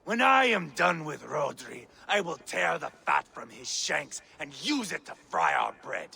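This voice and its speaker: An actor playing a bloodthirsty Viking war leader in a video game, barking taunts and orders like an angry mob leader with a gravelly voice. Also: male voice, on the high side, huge pitch swings, unhurried, exaggerated voice. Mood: menacing, commanding. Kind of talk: video game battle acting. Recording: loud battle noise over the voice.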